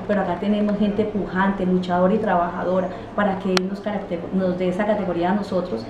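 A woman, a regional deputy answering interview questions emphatically and indignantly, in a small office. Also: medium pitch. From Quindío, Colombia. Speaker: departmental assembly deputy. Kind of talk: interview answers, political criticism. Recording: roomy office with clear noise.

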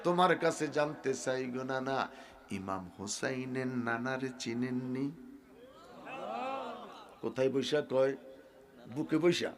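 A male preacher delivering an emotional sermon to a gathering. His delivery is sing-song and swells into loud wailing chants. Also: mid-range voice, takes it slowly, long pauses, crowd noise. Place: outdoor religious gathering.

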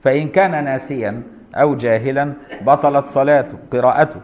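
A man with an Egyptian accent teaching a classical legal text, reading it aloud and explaining it in colloquial speech, slowly sounding out example words. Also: medium pitch, muffled recording. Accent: Egyptian Arabic. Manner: reads classical text, then explains in colloquial dialect, voicing pronunciations slowly. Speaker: Islamic jurisprudence teacher.

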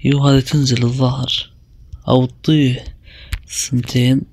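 A man's voice: mid-range voice, flat delivery, a little mellow, breathy edge, no room sound. Chatty man narrating his gameplay. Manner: chatty, talks himself through moves with quick exclamations. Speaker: gaming video creator. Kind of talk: casual gameplay commentary.

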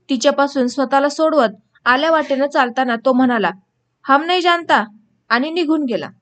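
High-voiced woman reading a novel. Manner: shifts into rustic village dialogue for characters. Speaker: audiobook narrator. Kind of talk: novel read aloud, voicing characters.

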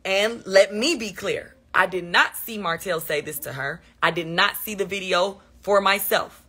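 A woman with a bright, forceful voice vents live on her phone, defensive and quick to sarcasm. She talks straight to her chat. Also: mid-range voice, husky. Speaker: livestreamer. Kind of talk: venting on a livestream.

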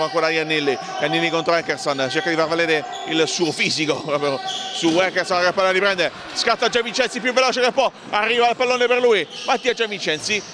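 A man giving breathless, often shouted live basketball play-by-play with drawn-out names, in an excitable manner. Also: on the high side. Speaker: basketball commentator. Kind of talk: live play-by-play sports commentary. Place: courtside in an indoor basketball gym. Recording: clear background noise of sports hall. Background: bouncing basketballs and hall ambience.

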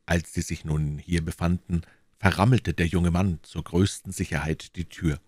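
Deep-voiced German-speaking male narrator. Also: no echo, studio quality. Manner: calm, measured storytelling with many voiced parts. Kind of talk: audiobook reading of a classic novel.

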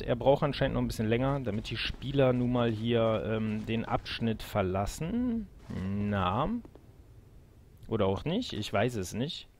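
A man's voice: mid-range voice, a little hiss or hum. A man giving casual, chatty commentary on a video game, addressing his viewers as friends. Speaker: let's player. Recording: music behind the voice. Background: game music.

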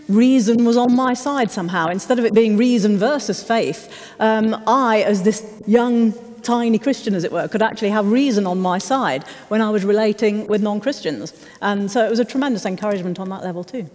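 A woman's voice: mid-range voice, moderate pace. A middle-aged woman on a discussion panel, talking in a reflective, somewhat hesitant way in a large church hall. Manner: warm, reflective, hesitant with ums. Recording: long hall reverb.

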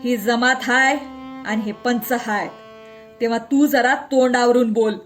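Woman doing a stern crippled village elder man, firm, loud, high storybook voice. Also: fairly even intonation, unhurried, soft background music, lightly acted.

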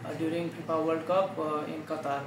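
A young man from Nepal answers interview questions in a polite, halting way, pausing often. His voice sits a little high for a man and comes from a distance in an echoey room. Steady noise runs behind him. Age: 20s. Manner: hesitant, polite, halting English with many pauses. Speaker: job applicant. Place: small indoor office. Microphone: camera a few feet away. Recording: echoey room, far from mic, clear background noise.

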